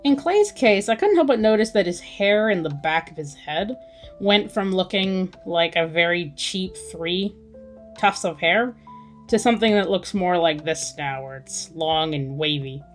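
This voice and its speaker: As she draws for her livestream audience, the artist ponders aloud in an easygoing chat over background music. She sounds animated, on the low side, and measured in pace.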